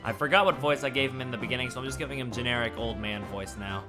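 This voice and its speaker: Brief: relaxed guy streaming a story game, mid-pitched, easygoing, music underneath. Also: fast talker. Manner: relaxed, rambling, lots of fillers. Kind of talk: casual let's-play chat and reading the game aloud.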